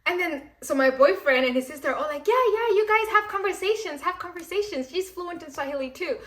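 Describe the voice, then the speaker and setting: A woman in her twenties, from Rwanda and raised in South Africa, telling a story in a chatty, animated way and acting out the people in it. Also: very high voice, brisk. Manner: chatty, animated, acts out quoted voices. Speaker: vlogger. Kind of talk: casual storytime while getting ready.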